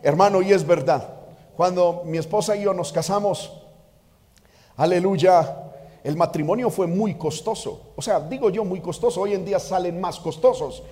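Male pastor, sermon delivery, fervent with shouted peaks, long church-hall reverb. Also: high-pitched, moderate pace. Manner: fervent, swings from quiet asides to shouted exhortation.

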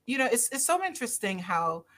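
She's a middle-aged doctor from Barbados being interviewed on a podcast, and she talks fairly quickly with big pitch swings. Her slightly high voice has a fairly bright tone, and she earnestly hammers home her main points by repeating them.

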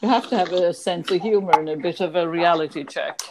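Casual, chatty Irish woman, west of Ireland Kerry accent, lowish voice, reminiscing as an interviewee. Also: a little fast, background noise. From County Kerry, Ireland. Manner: chatty, frequently breaking into laughter.

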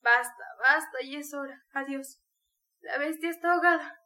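A woman's voice: sits high, normal speed, sharp tone. A woman voicing a feverish dying mother. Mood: tender farewell. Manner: feverish, breaking between pleading and rage. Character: dying delirious mother, feverish, proud, desperate.

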